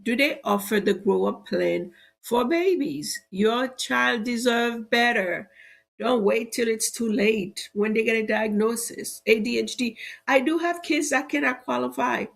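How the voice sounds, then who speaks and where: On a live show, a middle-aged woman sells insurance in an unhurried, persuasive pitch, often tacking on "right?" Her voice carries vocal fry and sounds stuffy and a bit cracky because of allergies.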